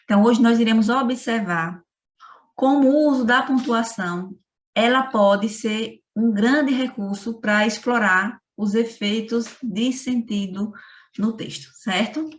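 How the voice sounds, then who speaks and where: A woman's voice: fairly high pitch, measured pace. A woman with a Brazilian Portuguese accent giving a remote school lesson in a didactic way, often checking in with her students by asking "right?". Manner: didactic, frequent tag questions. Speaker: teacher. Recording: echoey room, from a distance.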